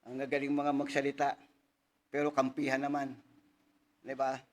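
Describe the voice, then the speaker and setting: A male pastor preaching a casual, conversational sermon, reading scripture slowly and louder and often asking the congregation "right?". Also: medium pitch, completely flat delivery. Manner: frequent tag questions to the congregation.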